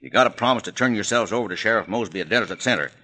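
A man playing a stern, commanding Western sheriff with gruff, folksy talk in an old-style drama. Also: lowish voice, very fast, sharp tone, low-quality recording. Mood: urgent, commanding. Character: stern Old West sheriff threatening a hanging.

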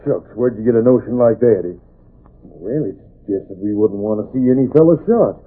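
Hesitant Western townsman, swooping pitch. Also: lively intonation, moderate pace, breathy edge. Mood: sheepish, evasive. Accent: American rural Western. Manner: hesitant, folksy, hemming and hawing. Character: sheepish, evasive small-town Western cowhand. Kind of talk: old-time Western radio drama acting. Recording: muffled, tinny old radio broadcast.

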